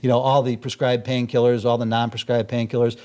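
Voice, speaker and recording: A man's voice: medium pitch, little pitch movement, fairly quick, darkish tone. A man giving a plain-spoken, conversational testimonial as an interview guest. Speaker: testimonial guest, sports publisher.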